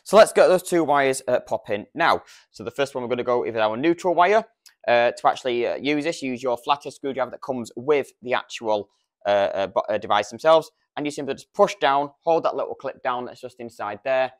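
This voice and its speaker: A thirty-something British man with a mid-range voice moves at a brisk clip through an informal product demo. He explains things practically, one step after another, into a lapel microphone.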